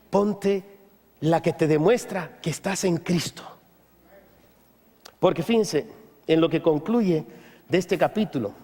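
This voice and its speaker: Man, pastor preaching a sermon, emphatic and repetitive, loud then hushed, high voice, long church reverb. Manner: emphatic preaching, repeats key phrases, swings between loud and hushed. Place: church service.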